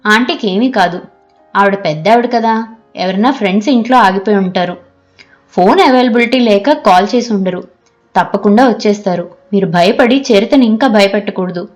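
A woman's voice: medium pitch, normal speed, soft background music, lightly acted. A woman voicing a caring, middle-aged female college lecturer who speaks in a concerned, soothing way.

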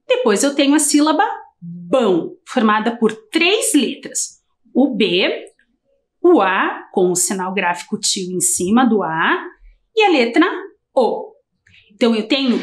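A Brazilian woman teacher giving a televised lesson to young children, drawing out her words in a sing-song way. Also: fairly high pitch. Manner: slow, drawn-out, sing-song teacher talk. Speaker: primary school teacher.

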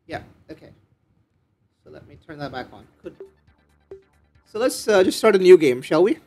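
A man's voice: high-pitched, animated, normal speed, darkish tone, soft background music. A man hosting a casual let's-play, rambling and joking with many fillers. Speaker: gaming channel host.

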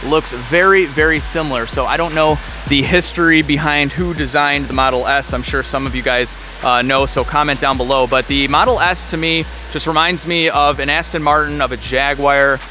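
A man in his thirties, an enthusiastic car vlogger, narrating and chatting in a large detailing shop. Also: a little high. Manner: upbeat, enthusiastic. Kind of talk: vlog narration and shop chat.

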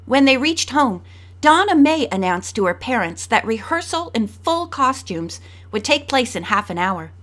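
A woman narrating an audiobook, shifting her pitch and pace to voice each character. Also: pushed and bright.

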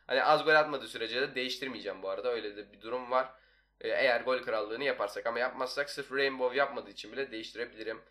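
A man's voice: medium pitch, bright, forceful tone. A young man giving casual, nonstop gameplay commentary as a video host. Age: young adult. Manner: chatty, talks nonstop. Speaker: YouTuber, gaming video host. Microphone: desktop microphone.

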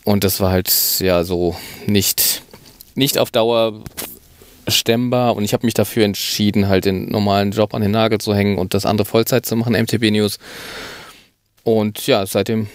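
A man's voice: on the low side, fairly even intonation, moderate pace, dry recording. A middle-aged man talking casually as a podcast host, recorded close up. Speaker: podcast host, full-time mountain bike website editor.

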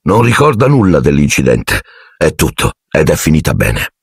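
A man's voice: a bass voice, wildly swooping pitch, moderate pace, vocal fry, breathy edge, no echo, clean studio sound, exaggerated voice. A man voicing a fussy, jovial middle-aged minister who talks to a boy in a genial, patronizing and evasive way.

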